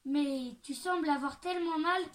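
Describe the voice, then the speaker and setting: A woman voicing a kindly male baker in a storybook reading, speaking slowly and reluctantly. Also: high voice, natural voice.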